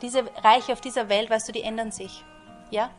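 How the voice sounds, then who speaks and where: A woman's voice: a little high, fairly even intonation, normal speed, faint music behind. A woman preaching a conversational sermon who keeps asking her listeners rhetorical questions. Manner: chatty, asks listeners rhetorical questions, often says "you know".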